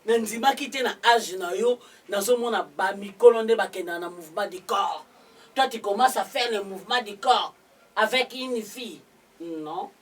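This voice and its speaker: An actress playing a scolding auntie in Kinshasa, speaking Congolese-accented French mixed with Lingala. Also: female voice, mid-range voice, moderate pace, husky, far from the mic, close to an everyday voice. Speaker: aunt. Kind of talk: film dialogue. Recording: noisy, voice from off-mic.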